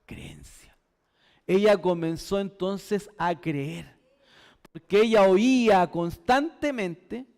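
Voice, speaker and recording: A man with a very high voice and a Chilean Spanish accent preaches a sermon. He puts questions to his listeners and repeats words to drive them home. His voice echoes through a church hall with a long reverb. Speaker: pastor.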